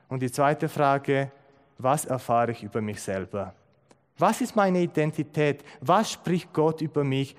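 Slow, high-voiced preacher in a reverberant hall. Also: male voice, darkish tone. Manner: slow, emphatic, repeats key phrases. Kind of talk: sermon.

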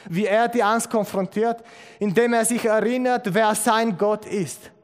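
A man preaching a sermon, slow and emphatic, repeating key phrases. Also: high-pitched, steady tone. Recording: long hall reverb.

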